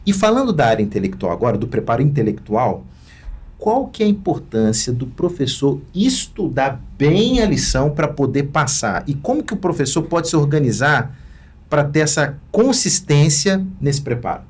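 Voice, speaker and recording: A man's voice: a little high, very animated, moderate pace, husky. A man with a Brazilian Portuguese accent hosting a panel, affirming the guests and asking long questions. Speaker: host.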